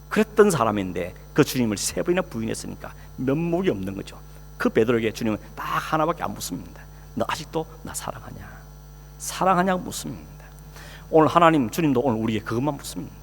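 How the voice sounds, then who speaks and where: A man's voice: mid-range voice, gravelly, fairly bright tone. A male pastor preaching a sermon in a conversational way, asking the congregation questions and acting out quoted speech. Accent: Korean. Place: church sanctuary. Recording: long hall reverb, faint hum.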